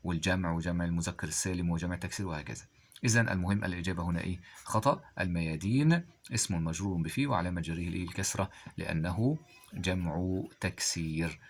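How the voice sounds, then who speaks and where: During a grammar lesson, a low-pitched male teacher slowly reads out example sentences, then asks quiz questions that he answers on his own.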